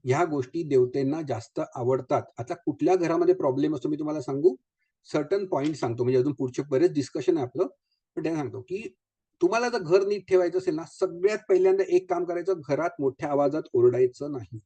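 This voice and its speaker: A vastu consultant gives a live talk to an audience in a high, quick, warm voice. He's chatty, drops English phrases into his speech, and keeps throwing out rhetorical questions.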